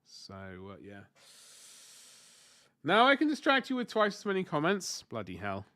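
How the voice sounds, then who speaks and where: A man's slightly high, bright voice swoops wildly in pitch and carries a forceful tone at a measured pace. He's a livestream host painting miniatures with a flu-stuffed nose and sore throat, chatting casually in response to viewer comments. He rambles, corrects himself, and swears mildly.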